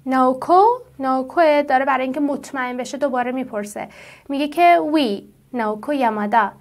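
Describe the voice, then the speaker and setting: A woman teaching French who draws out each French word slowly and asks her students questions. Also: high-pitched. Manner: slow, drawn-out pronunciation of French words; explains patiently and asks the class questions. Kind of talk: classroom-style language lesson.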